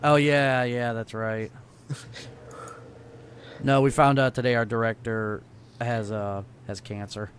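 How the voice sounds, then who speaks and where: A man co-hosting a casual podcast, joking and telling animated stories. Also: mid-range voice, takes it slowly, pauses often. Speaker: podcast co-host. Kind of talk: casual chat.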